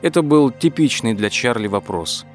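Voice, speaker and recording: A man reading an audiobook as its narrator, telling the story in a measured, even way. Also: medium pitch, soft background music. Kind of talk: scripted narration.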